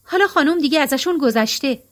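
A woman's voice: high-pitched, animated. A woman voicing a worried, wistful middle-aged woman in a storybook reading, earnest and plaintive.

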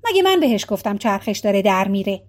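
A woman reading the part of a tired, reluctant husband who talks dryly and grumbles, lowering her voice for him in an audiobook. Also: very animated, a little mellow, natural voice. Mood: defensive. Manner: dry, reluctant, muttering. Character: weary grumbling husband at the wheel.

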